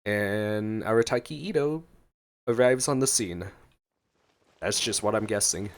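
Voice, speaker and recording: Streaming a game, a man offers casual, playful reactions, reading along and talking back to the characters. His voice sits on the low side and keeps a measured pace.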